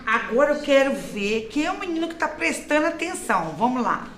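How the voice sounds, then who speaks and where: Woman teacher, high lively voice, classroom game, roomy noisy recording. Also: crowd noise. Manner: slow, coaxing, questioning children. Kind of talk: leading a classroom syllable game. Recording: echoey classroom with background noise.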